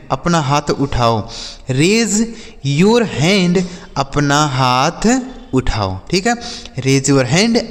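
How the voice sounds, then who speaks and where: A man teaching English words to children, spelling each word out letter by letter and repeating every example slowly. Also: fairly high pitch, big-room sound. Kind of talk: vocabulary lesson for children.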